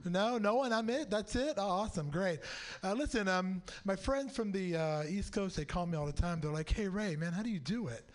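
A man's voice: high-pitched, lively intonation, fairly quick. A man from San Francisco doing a rambling, self-mocking stand-up set at a radio studio open mic, slipping into snooty put-on voices. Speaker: stand-up comedian.

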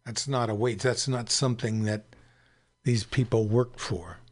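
Slow-talking male radio host. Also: mid-range voice, steady tone. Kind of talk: radio commentary, reading articles aloud.

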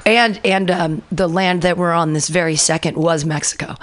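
A woman's voice: lowish voice, steady tone, normal speed. A woman in her forties from California, a fill-in radio host, chatting in a bubbly, rambling, joking way. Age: 40s. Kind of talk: casual radio chat.

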